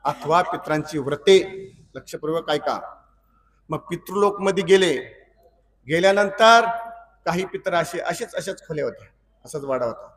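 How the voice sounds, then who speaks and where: A man with a high voice preaches from a little way off the mic, so he sounds slightly distant. He tells a story to his listeners, acts out its characters' dialogue, and stops now and then to ask them a question and repeat the line. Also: normal speed, long pauses, fairly bright tone. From Maharashtra, India. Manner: asks the audience rhetorical questions and repeats lines. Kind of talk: storytelling sermon.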